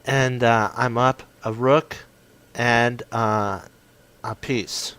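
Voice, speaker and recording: An excitable man talks through a chess game he won, in short punchy bursts. His voice sits at an ordinary mid pitch. He often stumbles and corrects himself as he goes. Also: extremely slow, smooth. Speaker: chess commentator. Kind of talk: casual game commentary.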